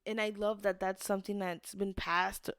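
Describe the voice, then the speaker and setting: A woman's voice: mid-range voice, flat delivery, normal speed, fairly bright tone, clear, resonant tone, no echo, studio quality. A young woman co-hosting a podcast, telling a scary story in a casual, rambling way with lots of fillers. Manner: rambling storyteller with many fillers and acted-out quotes. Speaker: podcast co-host.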